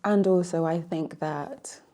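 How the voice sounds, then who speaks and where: A woman's voice: lowish voice, slow, warm tone. A woman in her forties, a guest on a panel, speaking thoughtfully and rephrasing her points as she searches for words. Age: 40s. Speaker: panel guest, well-being coach. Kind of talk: casual discussion.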